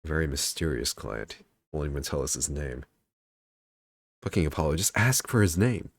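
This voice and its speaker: A man's voice: a bass voice, lively intonation, moderate pace, no room sound, clean studio sound. A man streaming a game, chatting casually and offhandedly between lines of dialogue, with occasional swearing. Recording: game music playing behind.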